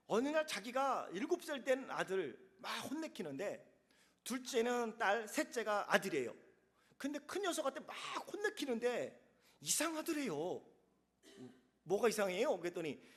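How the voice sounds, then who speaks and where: Man, pastor, lively sermon, long church reverb. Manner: animated preaching, acts out dialogue with big swings of pitch and volume. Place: church sanctuary.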